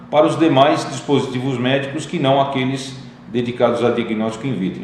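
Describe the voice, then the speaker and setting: Brazilian executive, measured step-by-step explanation, mid-pitched male voice, very reverberant room. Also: darkish tone, a little hiss or hum. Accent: Brazilian Portuguese. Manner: methodical, explains legal text step by step with fillers. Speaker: company CEO explaining regulations. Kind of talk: explanatory talk. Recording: very echoey room.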